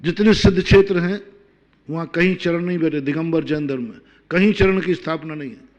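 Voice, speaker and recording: A man from India, a Jain monk, preaching a sermon with emphatic rhetorical questions, swinging between loud and hushed delivery. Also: on the high side, brisk, highs cut off.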